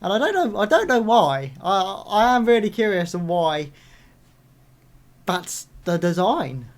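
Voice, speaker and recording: A young man hosting a live reaction video, casual and excitable, swearing and breaking into loud bursts of delight. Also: high-pitched, unhurried, a little hiss or hum.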